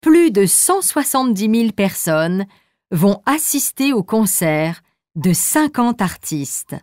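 A woman presenting music news in a cheerful, clear way. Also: mid-range voice, very animated, slow pace, darkish tone, dry recording, clean studio sound.

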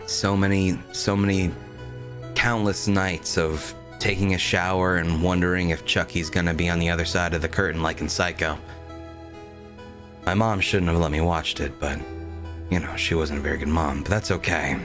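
Young male streamer, lowish voice, casual rambling chat, informal storytelling, game music behind. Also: fairly even intonation, normal speed, a bit bright. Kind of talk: casual livestream chat over gameplay.

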